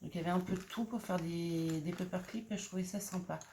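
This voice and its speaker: A woman's voice: fairly low pitch, fast talker, dark tone, a little hiss or hum. A middle-aged woman from France casually showing off a craft-supply haul, hesitating with many fillers and repeated words as she handles each item. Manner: hesitant, full of "euh" and repeated words while showing items. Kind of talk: casual show-and-tell haul chat. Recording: clear crinkling of packaging and clicks.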